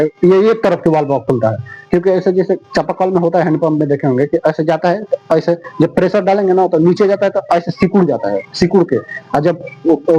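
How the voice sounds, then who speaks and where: A man's voice: on the high side, warm tone. A man teaching a class in a casual, repetitive way, asking questions and answering them himself. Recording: dull lo-fi sound with faint music.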